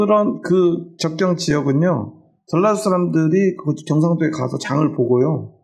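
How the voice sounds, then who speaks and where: A man's voice: medium pitch, vocal fry, darkish tone. A middle-aged male pastor preaching a sermon in a conversational way, often asking the congregation questions.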